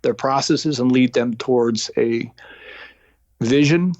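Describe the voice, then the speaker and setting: A man from New York with a faint New York accent, a lean coach talking as a podcast guest in a halting way, full of fillers and restarts. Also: mid-range voice, a little mellow, dry recording, lo-fi sound. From New York, United States. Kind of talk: casual interview talk.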